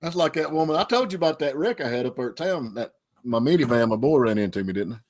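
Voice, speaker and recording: A man's voice: mid-range voice, lively intonation, fast talker, a little mellow, dry recording, studio quality. A man telling folksy stories in a casual chat. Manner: folksy, drawling storyteller.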